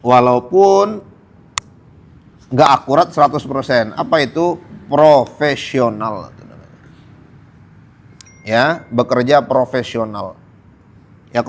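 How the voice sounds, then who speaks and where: A middle-aged man teaching a mosque study circle, who recites Arabic hadith and then explains them in relaxed, joking everyday speech. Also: medium pitch. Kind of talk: casual Islamic lecture.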